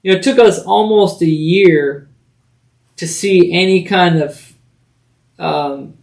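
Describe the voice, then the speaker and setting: A man's voice: high voice, slow, gravelly, darkish tone. A man hosting a podcast, chatting casually and conversationally with a guest. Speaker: podcast host.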